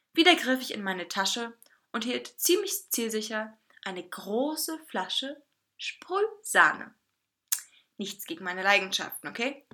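A woman reading a first-person story aloud with lively, expressive narration. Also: fairly high pitch.

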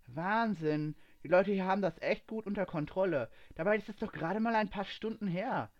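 A man lifting his voice into an excitable young woman from a read-aloud story, fairly high and eager, tumbling quickly through her words. She pleads and hurries along. The recording sounds dull and lo-fi.

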